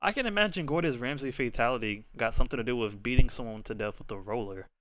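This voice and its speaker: A young man streaming a fighting game, chatting loosely with his chat and reacting loudly to the fights. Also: mid-range voice, quick pace, dry recording, clean studio sound. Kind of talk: casual live-stream commentary while gaming.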